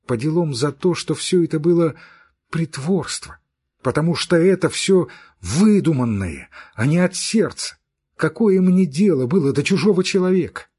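A man's voice: mid-range voice, animated, measured pace, breathy edge. A man voicing a hot-tempered, proud young woman in an audiobook reading, speaking in an agitated and insistent way. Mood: indignant. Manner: agitated, insistent, emphatic repetition.

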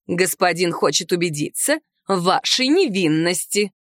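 A calm, unbothered older midwife, played by a woman narrator, slow and low-set. She speaks flatly in a close, dry sound. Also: no echo, close to an everyday voice.

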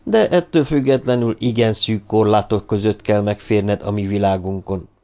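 A man's voice: on the low side, dark tone, close to an everyday voice. A man reading the part of a stern, guarded middle-aged man in formal, cool tones. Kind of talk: audiobook dialogue reading.

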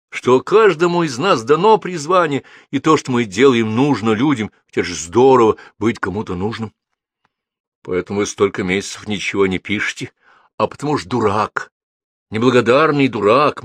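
A man's voice: mid-range voice, slightly rough, dry recording, pitched above the performer's own voice. A man voicing a playful, self-mocking middle-aged writer who jokes eagerly, in a dry close recording. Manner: joking, lively.

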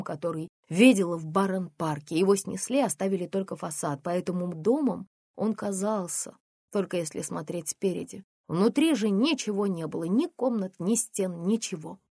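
A woman reads a first-person memoir aloud in a quiet, restrained manner. Her voice sits low and husky, and the recording is dry and close with no room around it. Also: normal speed, no echo. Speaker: audiobook narrator. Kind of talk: scripted first-person narration.

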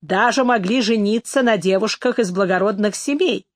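A woman's voice: medium pitch, normal speed, no echo, lightly acted. A woman reading an audiobook, voicing a wry young man who works as a factory clerk, with a dry, ironic delivery.

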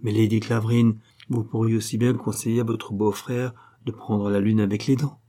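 A man voicing a proud young gentleman who speaks in heated, emphatic bursts, in a read-aloud novel. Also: lowish voice, flat delivery, moderate pace, lightly acted. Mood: indignant. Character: proud young gentleman, hot-tempered and indignant.

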